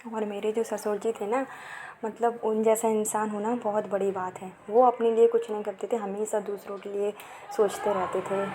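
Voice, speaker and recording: A young woman vlogging casually about her home from the rooftop on a handheld phone, rambling and chatty with many fillers. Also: medium pitch. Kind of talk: casual home vlog chat. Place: rooftop of a house, outdoors. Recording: noisy outdoor recording.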